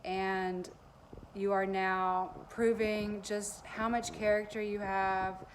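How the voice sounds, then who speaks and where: A woman's voice: mid-range voice, flat delivery, slow pace, slight background noise, low-quality recording. A woman teacher giving a heartfelt, emotional recorded message to her graduating class.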